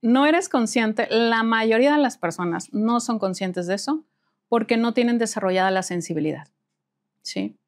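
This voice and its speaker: A woman, a spiritual healer guest in an interview, telling stories lively and acting out the dialogue. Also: on the high side, normal speed. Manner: lively, acts out dialogue in quoted voices, laughs often. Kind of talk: storytelling in an interview.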